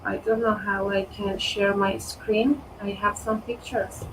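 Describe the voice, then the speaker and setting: Slow-speaking woman on a video call. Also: medium pitch, little pitch movement, far from the mic, noisy background. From Iran. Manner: slow, halting, with many "uh" pauses. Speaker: conversation club participant. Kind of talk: casual online chat in English.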